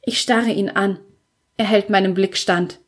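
A woman's voice: medium pitch, steady tone, measured pace. Woman narrating a first-person audiobook.

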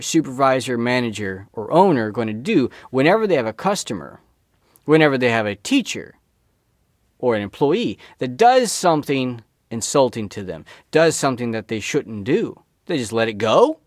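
A man's voice: medium pitch, big pitch swings, moderate pace, no echo, clean studio sound. A man, a school director, giving an informal teaching talk with emphatic delivery and rhetorical questions.

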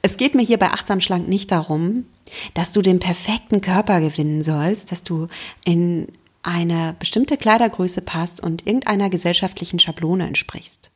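A woman hosting a self-help podcast as a mindfulness coach, gently encouraging the listener and slowing down to stress key words, with playful mock outbursts. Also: on the low side, husky. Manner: gentle and encouraging, speaks straight to the listener, slows for emphasis.

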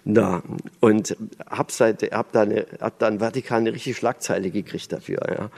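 A man's voice: fairly low pitch, fairly even intonation, moderate pace, vocal fry, a little mellow. A man from Berlin giving a lecture on the church, thoughtful, with many fillers and restarts. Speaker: speaker on church and religion. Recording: long hall reverb.

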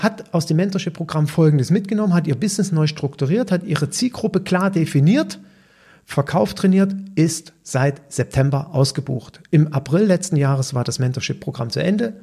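A middle-aged man gives a motivational podcast talk as a personal trainer and mentor, his voice gravelly and a little husky. His tone is mellow and dark, and he speaks with emphasis, often stopping to check in with the listener. His pitch sits somewhat high for a man.

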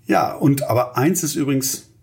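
A man's voice: medium pitch, normal speed. Earnest German podcaster man. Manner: earnest, motivational, addresses listeners directly. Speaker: podcast host, entrepreneur. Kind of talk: solo podcast monologue.

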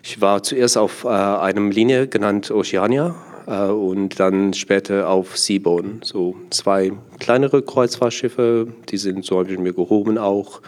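A young South African man, a native Afrikaans speaker with an Afrikaans accent, is an interview guest who works part-time as a sommelier. He answers hesitantly, searching for words in his second language. His voice is on the low side and a little mellow, with fairly even intonation, a measured pace and few pauses.

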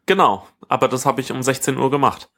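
Man chatting on a tech podcast, halting delivery. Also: medium pitch, fairly bright tone. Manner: rambling, halting, self-correcting. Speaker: podcast co-host. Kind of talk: casual tech podcast chat. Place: living room.

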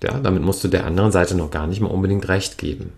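A man with a very low voice and a gravelly edge talks the listener through handling arguments. His delivery is calm and instructive, addressing "you" throughout like a coach. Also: fast. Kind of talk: advice talk on de-escalating conflict.

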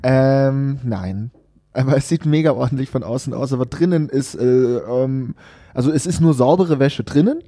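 Mellow-voiced man hosting a casual podcast. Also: mid-range voice, moderate pace, no echo, studio quality. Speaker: podcast host.

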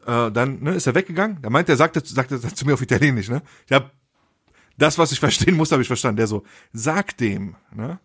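A man's voice: mid-range voice, fast talker, slightly rough, dry recording, clean studio sound. A man co-hosting a casual podcast, telling an anecdote in slangy speech and acting out the voices of the people in it. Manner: slangy, animated storyteller acting out dialogue. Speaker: podcast co-host. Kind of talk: casual chat, anecdote storytelling.

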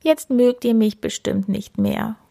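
A woman's voice: fairly high pitch, steady tone, measured pace, gravelly, dark tone, exaggerated voice. A woman voicing a shy young male cheetah who whines and sobs in a children's storybook. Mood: tearful. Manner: whiny, tearful.

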